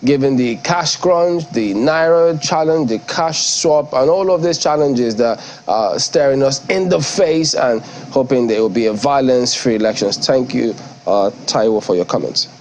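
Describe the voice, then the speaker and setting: A man with a Nigerian accent hosting a news show, formal and measured, his voice hoarse. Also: mid-range voice, a little mellow, slight background noise. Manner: measured, formal broadcaster delivery. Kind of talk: broadcast presenting and reading viewer comments.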